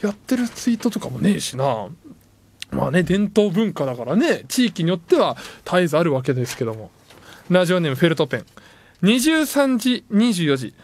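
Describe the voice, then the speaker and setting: A man hosting a late-night radio show, reading listener messages in playful, self-mocking banter and jumping suddenly into higher tones. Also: sing-song, brisk, a little mellow. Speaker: radio host. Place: radio studio. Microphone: studio microphone.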